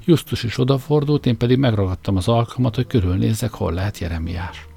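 A man's voice: lowish voice, vocal fry, dark tone. Man telling a wry comic story. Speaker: narrator. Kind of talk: audiobook narration.

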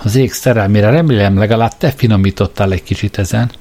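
A frantic, disbelieving grown man, as a male storyteller puts him on, his voice jumping up high when he protests. He talks in shocked, exclaiming bursts. A soft bed of music plays under the storybook reading. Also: lightly acted. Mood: agitated. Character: panicky bewildered Englishman, adult man.

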